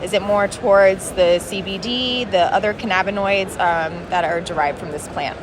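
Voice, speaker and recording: A woman's voice: medium pitch, moderate pace. A young adult woman giving casual, loosely hedged interview answers at a conference event. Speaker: grad student interviewee. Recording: clear background noise of event.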